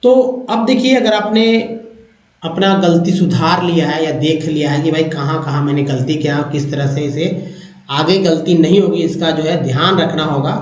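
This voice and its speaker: A man teaching English reading in a lesson, sounding out words slowly one by one and repeating them while coaxing his viewers along. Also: on the high side. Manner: reads English slowly word by word, spelling out sounds. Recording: echoey lo-fi room recording.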